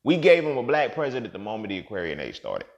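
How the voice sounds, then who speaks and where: A man in his thirties giving a profane, impassioned monologue as a podcast host, swinging from low muttering to loud outbursts. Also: huge pitch swings, fast talker, highs cut off. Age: 30s.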